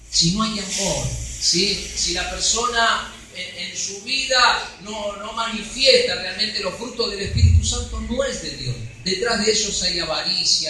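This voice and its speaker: A man's voice: high voice, sharp tone, slight background noise. A man with a Rioplatense accent preaching a sermon in a church, emphatic, checking in with the congregation. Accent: Rioplatense Spanish. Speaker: pastor. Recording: echoey hall, voice from far off.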